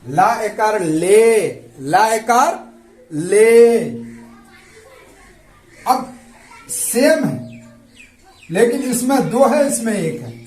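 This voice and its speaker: A man's voice: high-pitched, darkish tone, echoey room. A man teaching a lesson, patiently repeating and spelling out sounds. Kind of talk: slow explanatory lesson.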